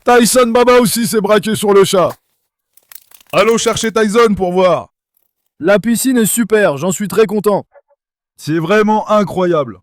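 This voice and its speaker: Chatting casually for a vlog at his backyard pool, a young man affectionately calls and coaxes his dogs. He has a high voice, and the recording is studio quality with no room sound.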